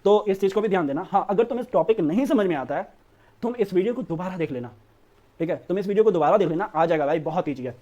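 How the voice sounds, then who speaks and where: A man's voice: sits high, expressive, quick pace, dark tone, muffled recording. A man teaching an accounts lesson for board exams, coaxing students like a brother and repeating "theek hai" often. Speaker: commerce teacher. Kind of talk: online board-exam lesson.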